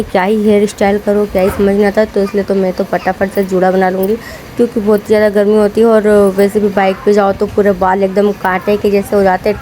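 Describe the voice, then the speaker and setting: A woman's voice: mid-range voice, mellow, slight background noise. A young woman, a mother, chatting casually to camera in a home vlog and telling her story with lots of fillers. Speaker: vlogger, mother.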